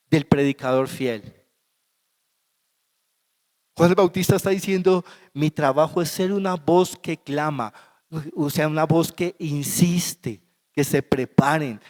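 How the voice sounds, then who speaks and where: A man's voice: fairly high pitch, a little mellow. A man with a Colombian Spanish accent preaching a sermon as pastor, emphatic and repetitive in his delivery. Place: church sanctuary. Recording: long church hall reverb.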